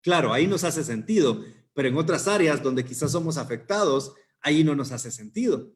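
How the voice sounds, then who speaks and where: A man's voice: a little high, expressive, normal speed. A man preaching a youth service sermon, conversational and full of rhetorical questions.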